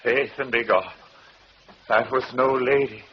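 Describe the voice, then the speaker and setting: An actor playing a deadpan stage-Irish comic in a green beard, who delivers drawling comic patter in a radio play. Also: male voice, medium pitch, normal speed, natural voice. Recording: dull old radio recording with hiss.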